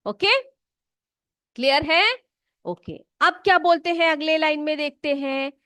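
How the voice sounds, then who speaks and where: A woman teacher from North India, explaining English words and spelling them out slowly, often checking whether the pupils follow. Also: high voice, a bit bright, no room sound. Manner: slow, drawn-out spelling and frequent check-ins with pupils. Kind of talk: classroom English vocabulary lesson.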